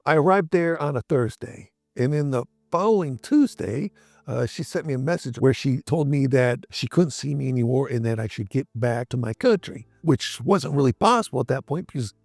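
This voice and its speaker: A middle-aged man, a guest in an interview, recounting events in a measured way with frequent pauses and fillers. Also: medium pitch, lively intonation, gravelly, darkish tone, no room sound. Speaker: interview guest, Navy veteran. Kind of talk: interview storytelling.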